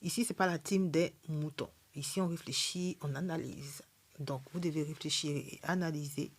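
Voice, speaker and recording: A woman's voice: low-pitched, fairly even intonation, moderate pace, breathy edge. A woman hosting a spiritual livestream, speaking French with an accent she mentions herself, in a blunt, defiant way, often checking in with the audience. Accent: non-native French accent. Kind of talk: live stream monologue. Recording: live stream.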